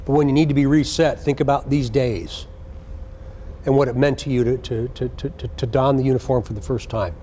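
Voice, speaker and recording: A man, a senior police official, gives an earnest, deliberate address to recruits, repeating key phrases for emphasis. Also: medium pitch, fairly even intonation, dark tone, a little hiss or hum.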